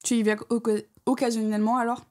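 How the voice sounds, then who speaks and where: A woman's voice: a little high, flat delivery, fast talker, darkish tone. A woman co-hosting a challenge video, talking in casual, playful banter and teasing her partner.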